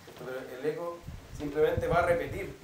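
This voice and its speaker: A man's voice: fairly high pitch, fairly even intonation, fairly quick, slight background noise. A male pastor giving a teaching sermon in a church, explaining step by step and often checking with the congregation whether they follow. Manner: explanatory, keeps asking "¿cierto?" to the congregation. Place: church hall. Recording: echoey hall, mic at a distance.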